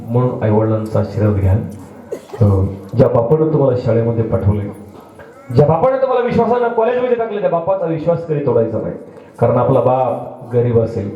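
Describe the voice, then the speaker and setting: A man preaching a devotional sermon with humor, rhyming in a sing-song and speaking directly to his listeners, heard through an echoey, dull loudspeaker from a distance. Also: mid-range voice. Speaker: kirtan preacher. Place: public religious gathering over loudspeakers. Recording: echoey, dull PA sound from far off.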